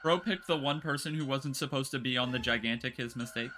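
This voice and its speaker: A man streaming a video game, reacting excitedly, swearing and reading the text aloud. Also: mid-range voice, fairly quick, soft background music. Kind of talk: casual game stream commentary.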